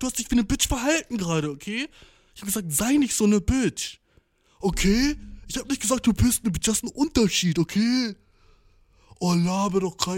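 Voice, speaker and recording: A man's voice: high-pitched, darkish tone, voice pushed up. A man acting out a defensive young boyfriend who insists he was misunderstood, in a whiny, exasperated manner. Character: defensive young boyfriend twisting his words.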